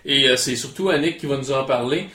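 A man with a Quebec French accent hosts a casual podcast and reviews a game in a chatty, animated way. His voice is bright and forward, and it rings in an echoey room. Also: medium pitch, a little fast.

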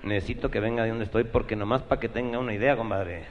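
A gloomy, despairing buddy, as a male comedian puts him on, talking low and flat like his world has ended. The recording is dull and lo-fi, with steady background noise. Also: fast talker, close to an everyday voice. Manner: low, flat, mournful delivery. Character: gloomy despairing middle-aged man, a compadre.

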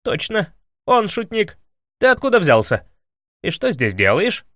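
A man's voice: high-pitched, wildly swooping pitch, measured pace, fairly bright tone, no echo, clean studio sound, pitched above the performer's own voice, exaggerated voice. A man doing a blustering, fickle prince. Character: fickle, bluffing middle-aged prince.

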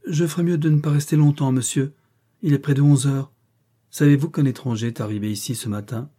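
A man's voice: medium pitch, fairly even intonation, fairly quick, dark tone, pitched above the performer's own voice, natural voice. A man reading the part of an earnest, guarded young governess in an audiobook, raising his voice a little for her.

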